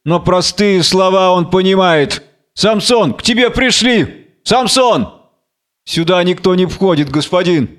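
A man's voice: sits high, lively intonation, unhurried, a bit bright, voice pushed up. Man doing a fawning jailer. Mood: fussing. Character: fawning old male jailer.

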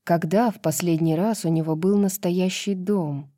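A woman narrating an audiobook in a low, mellow voice. Her reading is even and measured, with a dry, close studio sound. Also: no room sound.

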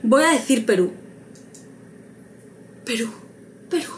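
A woman's voice: fairly high pitch, animated, slow pace, slight background noise. A woman vlogger thinking aloud as she takes a quiz, hesitant and musing, laughing at her own luck.

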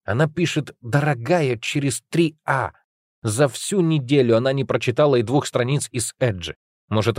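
A man's voice: medium pitch, darkish tone, dry recording, studio quality. A man narrating a novel in the first person, with a wry, agitated and confessional delivery. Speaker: audiobook narrator.

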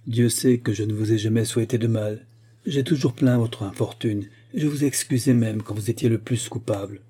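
A man voicing an anxious, gentle old male bank clerk who pleads in a trembling way. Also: lowish voice, brisk, slightly rough. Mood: pleading.

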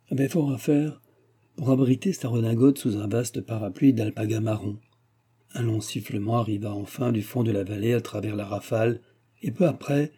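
A man narrating a classic French novel as an audiobook, in a steady, measured reading. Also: mid-range voice, slightly rough.

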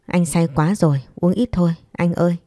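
A woman voicing a meek, patient young wife and mother who speaks gently and pleads softly. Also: on the low side, moderate pace, no echo, clean studio sound, close to an everyday voice. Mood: gentle pleading.

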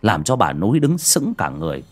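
A man's voice: fairly low pitch, huge pitch swings, a little fast. A man narrating a horror story in a dramatic storytelling manner with colloquial asides. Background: faint music.

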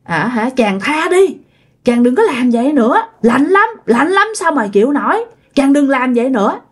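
A woman's voice: high voice, big pitch swings, moderate pace, slightly rough, exaggerated voice. Woman doing a begging female ghost. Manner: begging, plaintive. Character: pleading female ghost, lover of the male ghost.

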